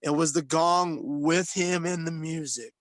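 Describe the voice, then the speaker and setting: A man's voice: a little high, fairly even intonation, a little slow, fairly bright tone, no room sound. A man co-hosting a podcast, ranting with passion and frequent swearing in casual chat. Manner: impassioned, swearing, rambling rant. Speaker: podcast co-host.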